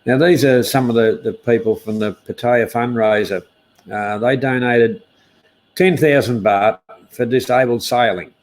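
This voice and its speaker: A man's voice: medium pitch, unhurried. An Australian man hosting a casual live stream news chat, speaking in a laconic, hesitant, easygoing outback drawl.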